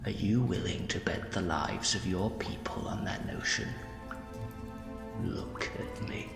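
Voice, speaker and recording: A man's voice: low voice, a little slow. A man playing a bitter, decayed villainous mastermind in a fan audio drama, grandiose, persuasive and menacing. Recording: echoey hall, clear music behind.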